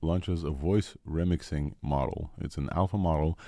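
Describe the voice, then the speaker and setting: A man's voice: rumbling low, moderate pace, mellow, no room sound. A man with a Russian-Israeli accent hosting a casual, enthusiastic tech news rundown. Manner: enthusiastic, informal. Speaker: host.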